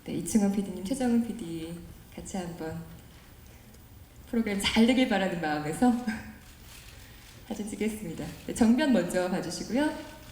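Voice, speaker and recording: A woman's voice: mid-range voice, animated, moderate pace, pauses often, darkish tone. A woman hosting a press event in the polite, cheerful, chatty style of a public radio host, coaxing and courteous. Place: indoor press conference room. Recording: roomy event hall with background noise.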